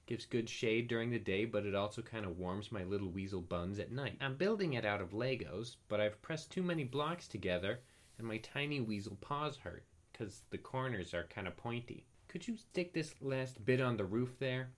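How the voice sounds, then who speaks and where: A man voicing a small, sharp-tongued male talking weasel who grumbles tersely and fussily. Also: on the low side, lively intonation, moderate pace, close to an everyday voice. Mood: snippy.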